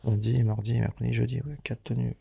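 A man with a gravelly, husky low voice tells a rambling, casual audio diary from his hospital stay. His tone is dark and mellow, loose and full of swearing and laughter. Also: flat delivery, brisk, muffled recording. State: hospital patient. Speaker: podcast host.

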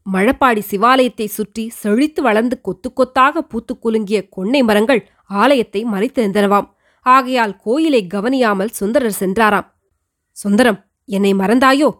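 An elderly, devout queen mother tells her son about her youth in a measured, earnest way, as a woman reads her in an audiobook. Her voice sits a little high, and it is the reader's own voice with only a light touch of character. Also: close to an everyday voice. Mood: reminiscing. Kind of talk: audiobook reading of a historical novel.

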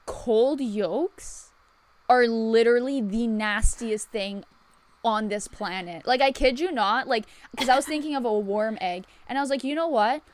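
A woman's voice: fairly high pitch, unhurried. A young woman co-hosting a podcast, teasing her friend with mock outrage and sarcasm. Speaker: podcast co-host. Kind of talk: casual chat.

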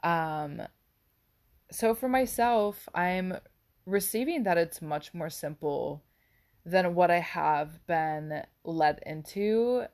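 A woman's voice: on the low side, animated, slow, darkish tone. A young woman talking casually about astrology and spiritual growth, meandering and reflective with many fillers like "um" and "like". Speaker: astrology vlogger.

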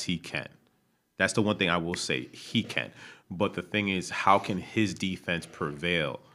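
A man's voice: deep voice, pushed and bright. A man chatting casually about football, laid-back and full of "you know" fillers, with the odd swear. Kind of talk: casual sports chat.

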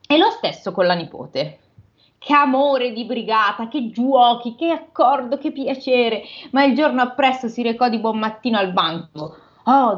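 A woman hosts a casual chat, moving between reading a story aloud and joking about it. Her voice sits slightly high. The sound is dull and lo-fi. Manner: lively, chatty, breaks off to joke. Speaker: host retelling a classic novel. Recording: dull lo-fi recording.

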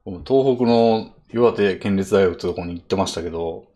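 A man's voice: low voice, normal speed, mellow. A man with a Kansai accent hosting a casual chat podcast, enthusiastic and laughing often. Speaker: podcast host.

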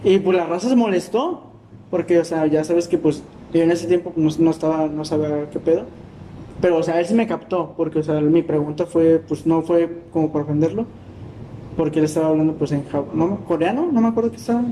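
A man's voice: a little high, fairly quick, mellow, a little hiss or hum, rough recording. A man with a Mexican accent hosting a casual podcast chat, rambling and full of slang and fillers. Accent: Mexican Spanish. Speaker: podcast host.

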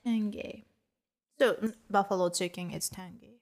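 A woman's voice: medium pitch, steady tone, normal speed, darkish tone. A woman with a Japanese accent in casual chat, repeating new English words.

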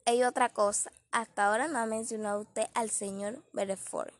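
A woman's voice: a little high, fairly even intonation, moderate pace, no echo, close to an everyday voice. A woman voicing a bold young woman who questions everything in a read-aloud story. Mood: challenging.

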